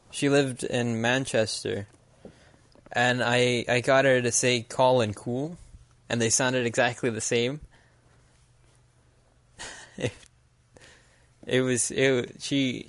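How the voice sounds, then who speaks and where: Rambling through a casual podcast chat, this American co-host leans heavily on fillers, especially "like." He has a mid-range, slightly bright voice, recorded with no room sound.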